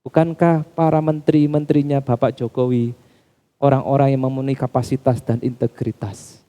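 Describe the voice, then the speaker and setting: A man preaching a sermon in a church, calling the congregation Bapak Ibu Saudara as his pitch climbs and drops. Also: dark tone. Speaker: pastor.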